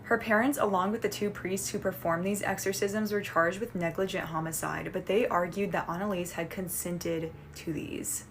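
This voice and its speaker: A woman's voice: fairly low pitch, fairly even intonation, moderate pace, hardly any pauses, a little hiss or hum. A woman reading a scripted true-story narration, with a conversational touch.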